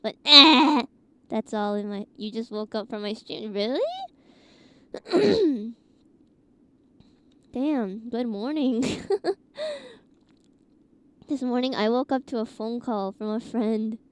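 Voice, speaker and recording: A woman's voice: on the high side, slow pace, pauses often, sharp tone, clean tone, dry recording. A woman streamer chatting casually in a scratchy morning voice, rambling with lots of fillers and laughs. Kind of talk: casual chat.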